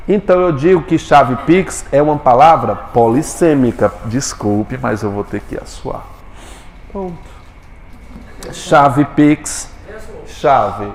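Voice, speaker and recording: A male teacher giving a Portuguese lesson in a classroom, quizzing his students with quick questions. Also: mid-range voice, a little mellow, roomy sound, in a large hall.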